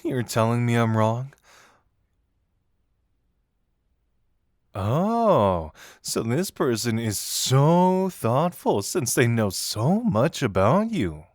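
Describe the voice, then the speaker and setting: Man acting Dazai, a teasing, lively flirt. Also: mid-range voice, no echo, studio quality. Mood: blunt, dismissive. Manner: teasing, theatrical, drawn-out words. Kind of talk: intimate roleplay audio acting.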